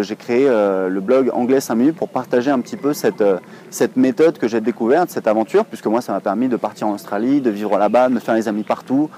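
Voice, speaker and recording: French guy in his 30s vlogging outside in the city, mellow low-key voice, lots of ums, faint street noise. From France. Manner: chatty, rambling, many hesitations. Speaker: online English teacher, blogger. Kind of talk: casual to-camera vlog.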